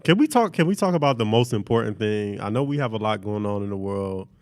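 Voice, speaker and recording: A man's voice: on the low side, expressive, fast talker, a little mellow, dry recording. Playful, slangy podcast host man. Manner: playful, slangy, hammy storytelling. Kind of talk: casual chat.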